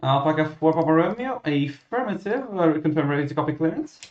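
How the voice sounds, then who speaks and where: A man working as a ground controller, giving clearances and commentary in a halting, self-correcting way. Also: fairly high pitch, lively intonation. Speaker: virtual air traffic ground controller. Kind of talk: radio clearances and explanatory commentary. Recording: muffled, roomy microphone sound.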